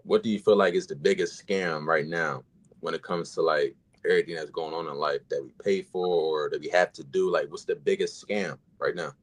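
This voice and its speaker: A man with an extremely deep voice talks as a podcast guest. His tone is husky and a bit raspy, and he speaks in an easygoing, plainspoken way. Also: steady tone, fairly quick. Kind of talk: casual podcast chat.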